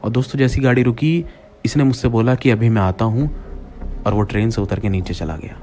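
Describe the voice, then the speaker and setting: A man telling a first-person horror story, often addressing his listeners as friends and pausing for drama. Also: mid-range voice, darkish tone, soft background music.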